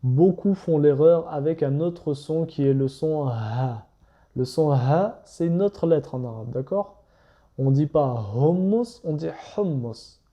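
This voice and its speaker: This Arabic reading teacher has a fairly high voice with a dark tone and keeps to a measured pace. His lesson moves through reading the letters one step at a time, with patient repetition and examples sounded out aloud.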